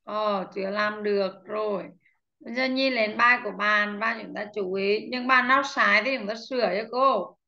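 Over a slightly muffled video call, a female English teacher takes her online class through vocabulary pronunciation with patience, repeating every word slowly and naming students in turn. Her voice is mid-range and creaky, yet pushed and bright.

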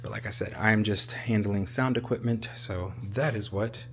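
A man talking through his day in a relaxed, chatty vlog, with easy fillers, into a handheld camera. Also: on the low side, moderate pace, a little hiss or hum. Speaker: vlogger. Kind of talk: casual vlog narration.

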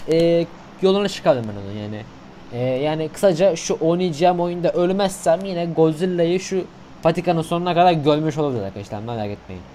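A young man giving casual, slangy commentary over a mobile shooter game, getting loud and excited in tense moments. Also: on the high side, slight background noise. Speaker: gaming YouTuber.

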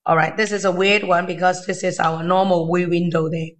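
Thin, weak, high-pitched male maths tutor. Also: level tone, fairly quick, a bit bright. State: unwell, weakened voice. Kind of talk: informal step-by-step tutorial narration. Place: indoors at a desk.

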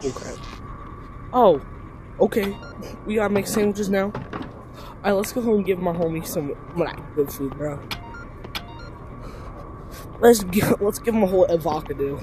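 A man's voice: high voice, moderate pace, pauses often, music in the background, rough recording. A young man giving casual, joking gameplay commentary full of slang. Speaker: gamer.

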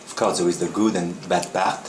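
A man's voice: deep voice, steady tone, brisk. A man who is not a native English speaker, chatting casually and hesitantly, often tagging phrases with "you know". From born in Baku, moved to Moscow and then Israel as a child. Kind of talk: casual chat. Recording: echoey room, clear noise, clinking dishes.

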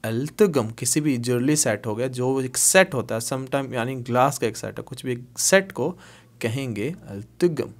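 Man drilling spoken Arabic phrases slowly. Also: mid-range voice. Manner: repeats phrases slowly, drilling each word. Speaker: language teacher. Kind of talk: spoken Arabic lesson with Urdu and English glosses.

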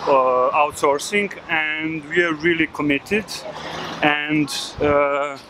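A man in his thirties who runs a digital agency, answering interview questions in a relaxed way, with many fillers and restarts. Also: a little high, slow. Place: outdoors on a city street. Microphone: filmed by handheld camera. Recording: noisy street recording.

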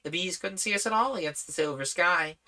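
A man's voice: high-pitched, fairly quick, voice pushed up, full character voice. Man reading as a boyish, eager young prince. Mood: boyish excitement. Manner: boyish, excitedly chattering. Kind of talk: audiobook character voice.

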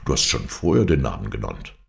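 Male reader doing a grumbling wry friend, very deep gravelly voice, storybook reading. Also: big pitch swings, brisk, full character voice.

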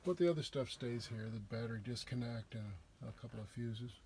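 A male RV shop tour guide with a Southern US accent talks fast as he moves through a large indoor repair shop, explaining the technical work casually and plainly with fillers here and there. His voice is mid-range and a little mellow, with slight background noise.

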